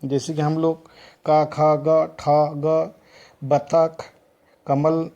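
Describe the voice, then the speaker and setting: A middle-aged man with a slightly high, dark voice talks very slowly and flatly. He is a teacher educator lecturing trainees, listing examples word by word and repeatedly starting over.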